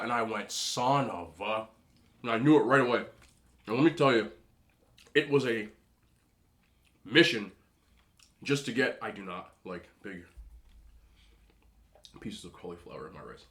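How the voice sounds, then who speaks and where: Male mukbang host, casual rambling storyteller, eating between phrases, animated and slangy, mid-range voice. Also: medium pitch.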